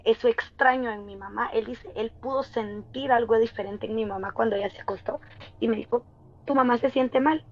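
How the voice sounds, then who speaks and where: A woman's voice: on the high side, slightly rough. A woman, earnestly telling a personal story as a guest and speaking straight to her listeners. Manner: earnest, often addresses listeners directly. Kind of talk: casual storytelling. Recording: dull lo-fi sound.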